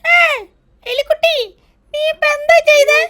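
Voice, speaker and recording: An actor voicing Pappu, an excitable and dramatic young male cartoon character who exclaims and frets loudly. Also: very high-pitched, a little slow. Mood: excited. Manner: exclaiming, fretful and loud. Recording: loud background noise.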